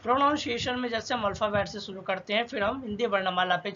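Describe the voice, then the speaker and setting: High-voiced man teaching slowly, lo-fi. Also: bright, forceful tone. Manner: slow, deliberate drilling of letter sounds. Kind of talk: spoken language lesson. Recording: dull lo-fi with faint hiss.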